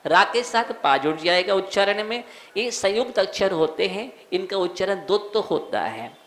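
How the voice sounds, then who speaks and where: A man, a monk, teaching the recitation of a devotional verse, slowly sounding out each word and asking listeners to repeat. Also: sits high, animated, vocal fry, fairly bright tone. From India. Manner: slow, repeats words, quizzes listeners; chants verses in a sung tone. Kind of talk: recitation and pronunciation lesson.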